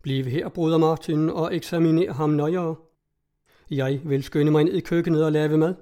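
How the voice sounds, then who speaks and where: A man's voice: a little high, steady tone, warm tone, close to an everyday voice. A man voicing a blustering, fearful innkeeper. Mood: relieved. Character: fearful bass-voiced male innkeeper.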